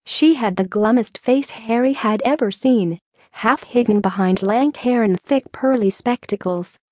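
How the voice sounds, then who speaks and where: Woman narrator, audiobook reading, fairly high voice, dry close sound. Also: unhurried, dry recording. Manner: steady storytelling read.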